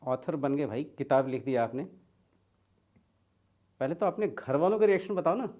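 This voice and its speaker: A man's voice: on the high side, expressive, moderate pace, warm tone. A man hosting a podcast interview, chatting casually and mixing Hindi and English. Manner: conversational, mixes Hindi and English. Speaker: podcast host.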